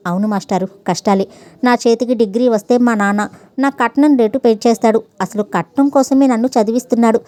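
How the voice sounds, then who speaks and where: A cheeky young man who shrugs off his studies, told with teasing wryness, as a woman reads him aloud. The voice sits fairly high with a mellow, warm tone. It is a calm storybook reading. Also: brisk, dry recording, lightly acted. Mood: wry. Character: young male student, cheeky and carefree.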